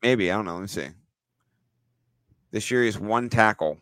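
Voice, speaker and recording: A man co-hosting a fantasy football podcast in casual chat, laughing often and turning animated when amused. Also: on the low side, normal speed, clear, resonant tone, no echo. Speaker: podcast co-host.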